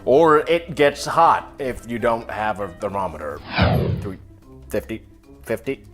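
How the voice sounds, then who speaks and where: A man's voice: fairly low pitch, measured pace, soft background music. A man hosting a casual cooking tutorial in an offhand, self-deprecating, rambling way with trailing asides. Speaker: cooking show host.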